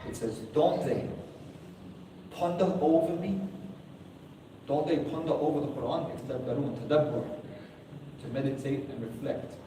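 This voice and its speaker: A preacher delivers an earnest sermon to a room of listeners in a warm, fairly high voice, speaking briskly with long pauses, posing many rhetorical questions and now and then reciting Arabic verses. A distant mic in an echoey hall picks him up, with slight background noise.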